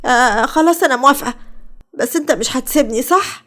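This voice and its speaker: A woman's voice: sits high, fast talker, fairly bright tone. A woman with an Egyptian Arabic accent voicing a jealous, scheming young woman who gets flustered. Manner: wheedling, flustered.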